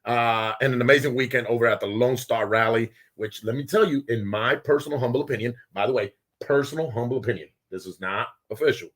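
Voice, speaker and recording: A man hosting a casual live show from a small studio with guests, loud and excitable, often laughing. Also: medium pitch, fast, hardly any pauses. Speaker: host.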